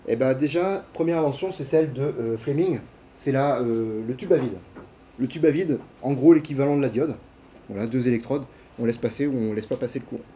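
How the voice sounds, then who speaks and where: A man lectures to a class in a relaxed, chatty way. He stops often with fillers and restarts, and he puts questions to the students. His voice is mellow, with faint noise behind it. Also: mid-range voice, brisk. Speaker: university lecturer. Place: lecture hall.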